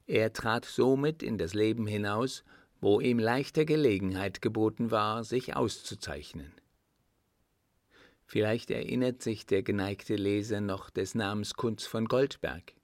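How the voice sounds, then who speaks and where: Slow, low-voiced male narrator. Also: no echo, studio quality. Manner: measured, even storytelling. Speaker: audiobook narrator. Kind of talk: scripted narration of a classic novel.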